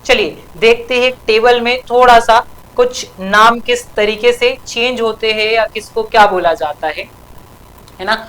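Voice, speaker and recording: A woman teaches chemistry for exam preparation in an unhurried, fairly high and bright voice, captured on a low-quality recording. Asking a question and then supplying the answer is her habit, and plenty of her sentences end with a tag question.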